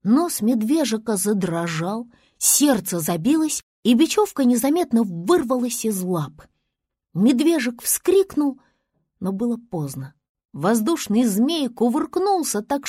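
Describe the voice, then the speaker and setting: A woman narrating a children's story in an animated storyteller manner, with a slightly breathy voice. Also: no echo, clean studio sound. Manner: animated storyteller with big pitch swings. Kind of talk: expressive children's story reading.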